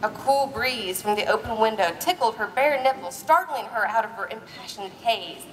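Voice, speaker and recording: A woman acting as narrator and presenter gives a live dramatic reading of a romance parody on a bar party stage, in a theatrical, playful manner. Her voice is a little high and fairly bright, with lively intonation at a normal speed. A distant mic in an echoey hall picks her up, with slight background noise.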